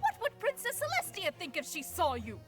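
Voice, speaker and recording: A woman voicing a pompous, formal mare on a high council, speaking in a proper, scolding manner in fan game voice acting. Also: huge pitch swings, normal speed, fairly bright tone, faint music behind, exaggerated voice. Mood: stern.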